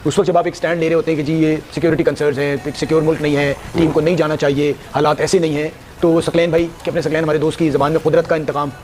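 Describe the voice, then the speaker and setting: Quick man explaining a point to a panel. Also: on the high side, level tone, darkish tone, a little hiss or hum. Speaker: panel guest. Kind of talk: debate commentary.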